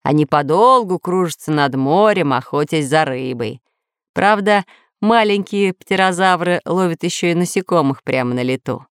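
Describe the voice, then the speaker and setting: A woman reading as an old, learned professor, lecturing with eager enthusiasm. Storybook voice, animated, in a dry, close room. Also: on the low side, normal speed, clear, resonant tone, dry recording. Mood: explaining.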